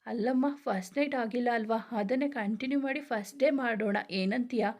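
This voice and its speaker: A woman's voice: on the high side, normal speed, darkish tone. A woman voicing a playful, affectionate young husband who teases and coaxes his new wife. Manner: teasing, coaxing.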